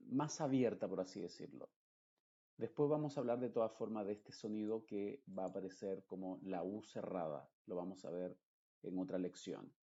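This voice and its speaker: A man's voice: on the low side, dark tone, highs cut off. A man, teaching English pronunciation patiently and repeating example words. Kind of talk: slow, explanatory lesson narration.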